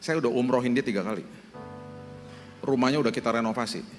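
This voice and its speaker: A man in his fifties, a pastor, preaching a sermon in lively storytelling style, acting out the voices he quotes. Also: medium pitch, quick pace. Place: church hall. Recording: long hall reverb with faint music.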